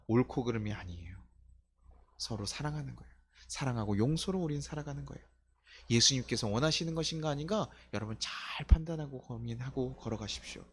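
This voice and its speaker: Middle-aged man, pastor, lively sermon delivery with a wide pitch range; chatty, full of rhetorical questions, acts out quoted voices. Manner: conversational preaching with rhetorical questions. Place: church sanctuary.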